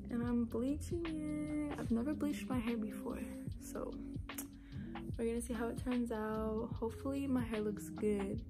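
A woman's voice: a little high, fairly even intonation, measured pace, over loud music. A teenage girl from California chatting casually to her phone camera, filling her talk with "like". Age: teens. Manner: chatty, lots of "like". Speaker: vlogger. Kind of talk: casual vlog chat. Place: at home, then outdoors with friends.

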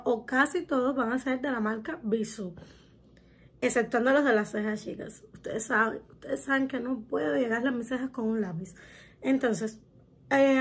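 Chatty woman with a breathy voice. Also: high voice. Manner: chatty, addresses viewers as girls, uses many diminutives. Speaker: makeup tutorial host. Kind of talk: step-by-step makeup tutorial.

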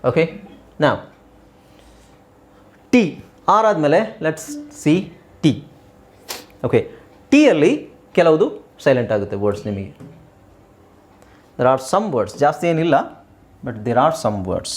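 A male teacher walks through English words one by one, saying each several times so learners can copy it. His pitch swings widely and sits a bit high. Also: sing-song. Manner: repeats words slowly for drilling. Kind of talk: pronunciation lesson.

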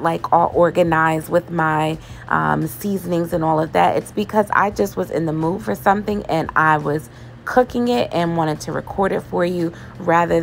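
A woman chatting casually as she cooks in her home kitchen, relaxed and loose, with laughs and fillers. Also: fairly low pitch, vocal fry, a little hiss or hum. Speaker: home cooking vlogger. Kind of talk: casual cooking voice-over.

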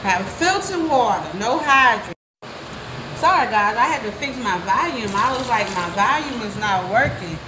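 A young woman talks straight to her viewers as she cooks, in a voice set a little high. Her phone at arm's length catches the echo of the kitchen and plenty of noise around her. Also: lively intonation, moderate pace. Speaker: vlogger cooking at home. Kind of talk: casual cooking vlog. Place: home kitchen. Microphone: phone held at arm's length. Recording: echoey kitchen, background noise.

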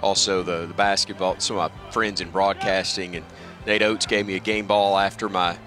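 Music plays in the background as this middle-aged radio play-by-play announcer, a guest in a booth interview, chats in a low, flat voice at normal speed. He's in a baseball stadium press booth wearing a broadcast headset, reflective and self-deprecating, with the outdoor ballpark audible around him.

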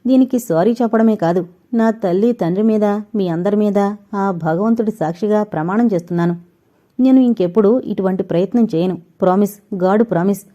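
A remorseful young woman, read by a woman narrator, pleading tearfully in a soft, mellow voice. She speaks as a character in a storybook audio novel. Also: mid-range voice, brisk, muffled recording, natural voice.

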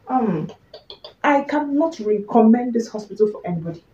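A Nigerian woman playing a loud, fussy pregnant woman who scolds hospital staff in quick rants. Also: fairly high pitch, expressive, background noise, natural voice. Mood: indignant. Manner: scolding, indignant, fast rants. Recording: roomy, distant, dull home recording.

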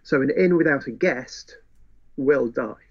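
In a casual book discussion, a male podcast co-host tells the story with wry relish, his mid-range voice a little slow. The recording is dull, muffled and lo-fi.

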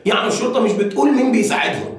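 Egyptian guy teaching english, talks fast and kinda high, super echoey room. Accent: Egyptian Arabic. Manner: keeps checking in with students. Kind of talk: homework review lesson.

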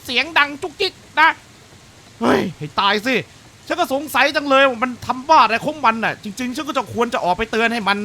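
A man's voice: very high voice, brisk, sharp tone. A young man reading a diary aloud as a grumbling, irritable old homeowner in a horror game. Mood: irritated. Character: grumpy annoyed old male homeowner.

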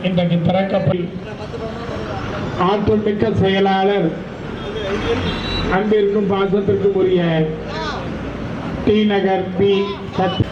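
A man's voice: sits high, little pitch movement, slow, pauses often. A man making a formal, laudatory rally speech as the announcer at a political party event outdoors. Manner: formal, laudatory oratory with honorific titles. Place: outdoors at a street event with crowd and traffic behind. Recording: dull distant street recording, echoing, loud crowd noise.

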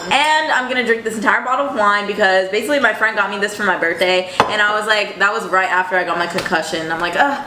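A woman's voice: mid-range voice, background noise. A woman in her twenties chatting casually to camera in her home kitchen, rambling and playful. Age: 20s. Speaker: vlogger. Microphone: fixed camera on counter. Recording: echoey kitchen room.

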